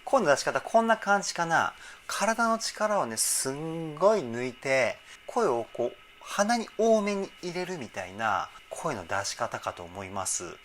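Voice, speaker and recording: A male vocal coach talking enthusiastically as he breaks down a song, pausing to try out the parts himself. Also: a little high, big pitch swings, fairly bright tone, slight background noise. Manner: enthusiastic, explains while trying out sung examples. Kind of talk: reaction and vocal analysis talk.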